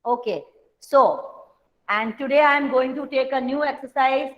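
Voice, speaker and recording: An Indian woman teaches an online class in a high voice, taking her time over every point. She explains patiently and slides between Hindi and English. The audio is a little dull and lo-fi, like a video call. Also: fairly even intonation, drawn-out words.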